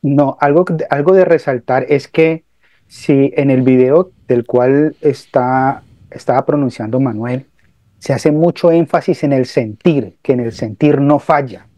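A man joining a casual spiritual talk, explaining calmly and asking his listeners questions. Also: medium pitch, a little slow, no room sound.

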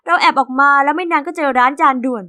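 A woman narrating as a cheeky teenage orphan girl in an animated diary story. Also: sits high, fast. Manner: lively, cheeky first-person storytelling.

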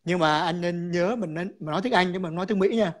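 A man's voice: high voice, fast. A man calling in to a chat, explaining his views in a rambling way, repeating words and slipping in English terms.

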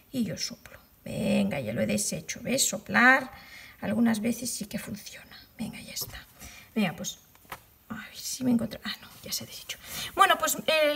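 Chatty high-voiced woman crafting. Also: vocal fry, fairly bright tone, slight background noise. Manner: chatty, self-mocking, trails off into whispers while working. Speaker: crochet tutorial host. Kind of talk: casual tutorial chat.

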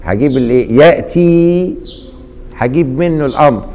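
A middle-aged man with an Egyptian accent teaching a classroom grammar lesson, repeatedly pausing mid-sentence so students fill in the missing word. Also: medium pitch, a little mellow, slight background noise. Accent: Egyptian Arabic. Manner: quizzing, leaves blanks for students to fill.

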